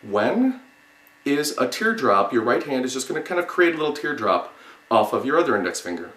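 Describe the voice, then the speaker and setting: Male class teacher, mid-pitched voice, halting step-by-step delivery with pauses, recorded in an echoing room. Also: expressive, fairly bright tone. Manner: halting, explanatory, repeats single words with pauses. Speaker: sign language teacher. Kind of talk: instructional lesson, demonstrating word by word. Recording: roomy, echoing sound.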